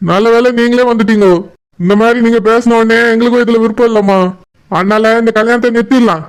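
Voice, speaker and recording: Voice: mid-range voice, steady tone, fast talker, smooth, close to an everyday voice. A performer voicing a worried father of the bride in a cartoon, earnest and apologetic, with a Kanyakumari Tamil accent. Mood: firm. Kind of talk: cartoon voice acting.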